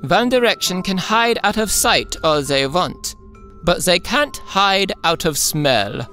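A man's voice: high voice, expressive, slow, sharp tone, soft background music, heavily acted. A man voicing a scheming male villain boss in a cartoon, speaking in a theatrical, gloating way. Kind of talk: cartoon voice acting.

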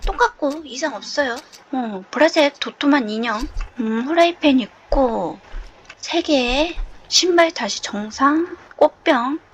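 A woman playing a horror game and chatting nervously as she explores, often shouting and laughing from fright. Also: high voice, lively intonation, unhurried, a little hiss or hum. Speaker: game streamer. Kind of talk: horror game let's play.

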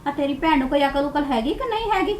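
A woman playing a scolding wife, high-pitched, sarcastic. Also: lively intonation, fast, roomy sound, a little hiss or hum. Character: sharp-tongued wife scolding her husband. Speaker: nagging wife in a family drama.

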